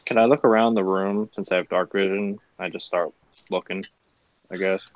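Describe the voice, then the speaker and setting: A man with a fairly low voice chats casually as a tabletop game player. The recording is slightly dull and lo-fi. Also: fairly even intonation, normal speed, no room sound. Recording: dull, lo-fi voice chat.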